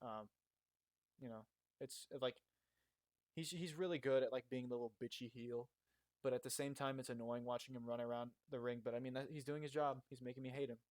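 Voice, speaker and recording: Young male podcast co-host, mid-pitch, casual rambling recap style, profane, dry room. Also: steady tone, a little fast, a little mellow, dry recording. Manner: rambling, swears freely, many fillers. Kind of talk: casual wrestling review chat. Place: makeshift home recording spot.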